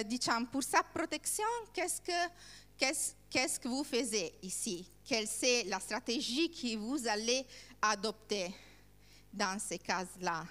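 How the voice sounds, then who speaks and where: A woman leading a workshop, speaking haltingly in French that is not her native language, putting questions to participants. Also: on the high side, bright, forceful tone. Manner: halting, searching for words in non-native French. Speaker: workshop trainer. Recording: echoey hall with long reverb.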